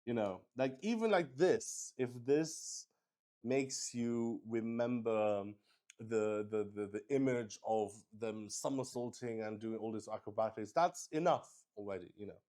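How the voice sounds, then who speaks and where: Thinking out loud while he plays a solo RPG on stream, a man explains the game in a halting way, frequently searching for words. His voice sits in the middle range and sounds mellow.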